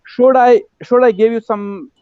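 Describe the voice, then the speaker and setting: A man from Afghanistan talks earnestly and politely in an online class, pausing often on fillers. His voice sits fairly high and comes through smooth and clear. The call audio is dry and a little dull. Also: fairly even intonation, no echo. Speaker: university lecturer, class participant. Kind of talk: casual online conversation. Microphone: video call.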